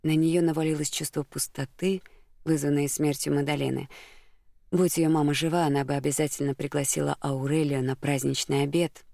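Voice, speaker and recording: Audiobook narrator, scripted narration, gravelly creaky voice, dry close sound. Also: mid-range voice, level tone, a little fast, darkish tone, no room sound.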